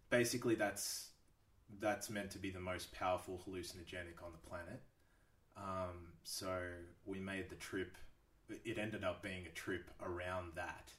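Male podcast guest, very low voice, relaxed and profane, laughs a lot, echoey room, sits back from the mic. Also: far from the mic. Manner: laid-back, swears a lot, laughs often. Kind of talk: casual chat.

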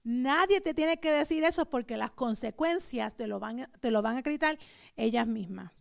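A woman pastor preaching a sermon, asking the congregation rhetorical questions and swinging between loud emphasis and soft asides. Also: fairly high pitch, animated, moderate pace, creaky. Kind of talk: Pentecostal sermon.

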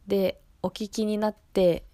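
A young woman hosts a casual local radio show from a studio, speaking in a polite, chatty manner at a measured pace. Her middling-pitched voice is mellow and a little nasal, as if she's stuffed up, with little pitch movement. The recording is close and dry, with hardly any room sound.

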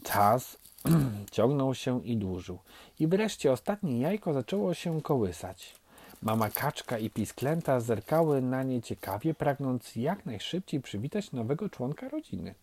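A man telling a fairy tale in a gentle, expressive way. His voice is mellow and soft. The pitch rises and falls with lively movement. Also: unhurried, husky, dry recording. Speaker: storyteller.

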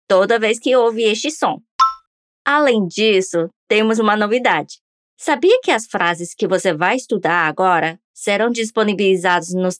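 A woman's voice: medium pitch, dry recording, studio quality. Upbeat woman leading a pronunciation drill. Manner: upbeat, coaxing listeners to repeat aloud. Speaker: language teacher. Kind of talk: podcast pronunciation lesson.

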